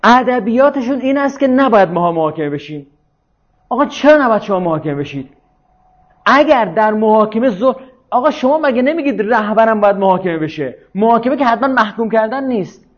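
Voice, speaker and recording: A man lectures in a loose, conversational way, arguing his points and asking over and over whether his listeners follow. His voice sits fairly high for a man. The recording is muffled and lo-fi. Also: expressive. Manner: argumentative, checks listeners follow with rhetorical questions. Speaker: speaker on religion and politics. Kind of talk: informal lecture.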